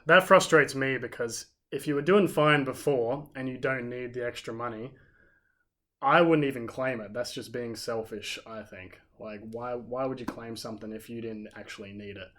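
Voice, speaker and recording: A man's voice: mid-range voice, moderate pace, a bit bright. An Australian man in a casual podcast chat, giving firm opinions and leaning on "like" as he talks. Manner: opinionated and emphatic, leans on "like".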